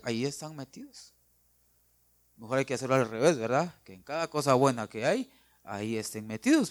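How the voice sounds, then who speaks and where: Emphatic preacher man. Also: medium pitch. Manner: emphatic, repeats phrases, asks the congregation "right?"; acts out quoted voices with sharp swings in loudness. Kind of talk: sermon.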